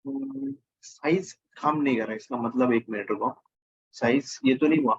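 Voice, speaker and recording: A man's voice: medium pitch, moderate pace, slightly rough, dull audio. A man teaching a casual coding lesson over his screen, thinking aloud and correcting himself as he goes. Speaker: programming teacher.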